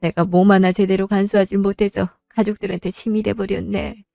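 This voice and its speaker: A woman voicing a frail, ailing older mother who speaks quietly and wearily. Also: mid-range voice, little pitch movement, fairly quick, creaky, dry recording, clean studio sound, faint music behind, voice pushed down, close to an everyday voice. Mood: guilty.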